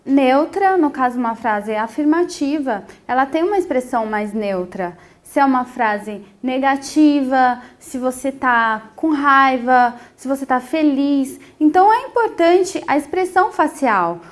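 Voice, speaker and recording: A woman teaching a sign language lesson, explaining each point patiently and filling pauses with short hesitations. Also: sits high, expressive. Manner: patient, explanatory, with frequent 'é' fillers.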